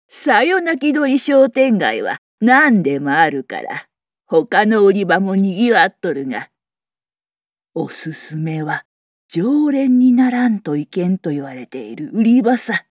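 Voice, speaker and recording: Lady doing a wise old villager, slow n teasing, voice goes up and down loads, super dry sound. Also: medium pitch, big pitch swings, no echo. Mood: secretive, teasing. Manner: folksy wise-elder speech, slow and teasing. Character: chatty, secretive old townsperson with folksy elderly speech. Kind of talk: character monologue.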